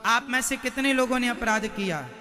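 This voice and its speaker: A man delivering a devotional sermon before a live audience, speaking slowly and emphatically, breaking into sung verses and putting questions straight to his listeners. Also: very high voice, pushed and bright, in a large hall, faint music behind. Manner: slow, emphatic, addresses listeners directly with questions. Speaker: preacher of religious storytelling.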